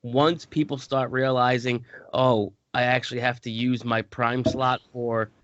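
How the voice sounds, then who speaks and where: A man's voice: mid-range voice, level tone, measured pace, a bit bright, muffled recording. A man co-hosting a podcast, chatting casually about a tabletop game and rambling with frequent self-corrections. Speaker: podcast co-host.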